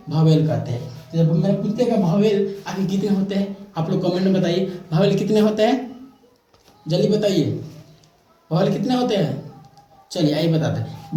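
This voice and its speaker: A high-voiced man with a mellow tone teaches a lesson, posing questions and answering them himself. He repeats key points again and again. The sound is echoey, with faint noise behind. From India. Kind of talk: classroom-style lesson.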